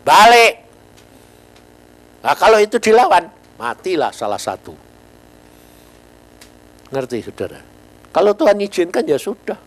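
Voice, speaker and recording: A man's voice: high-pitched, moderate pace, long pauses, poor audio. An older man preaching a sermon in with a lilt, telling stories animatedly and often asking the congregation questions. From Indonesia. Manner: animated storytelling, jumps to near-shouts, asks the congregation questions. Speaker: pastor.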